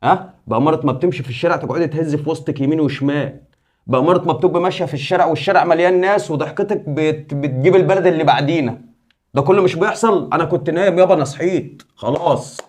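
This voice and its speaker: Egyptian man, comedy sketch lead, very fast, slightly higher voice, faint music under. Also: a little mellow. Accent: Egyptian Arabic. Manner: accusing, then pleading with a friend.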